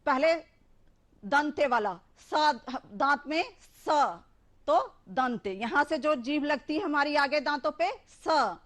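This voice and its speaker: Slow-talking high-voiced woman teacher. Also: fairly bright tone. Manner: slow, patient, spells out sounds and words one by one. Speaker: primary school Hindi teacher. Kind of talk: children's lesson.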